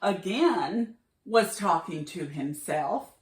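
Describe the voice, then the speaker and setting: A middle-aged woman hosts a podcast, casually telling travel anecdotes and animatedly acting out the quoted dialogue. Her voice is fairly low and she takes it slowly. The recording has a roomy echo and clear background noise.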